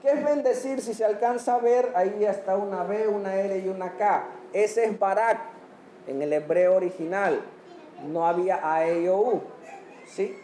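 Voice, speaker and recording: Speaking at normal speed, a high-voiced pastor with a dark tone asks his congregation questions and punctuates each answer with amen. The church hall echoes, and there's slight hiss or hum.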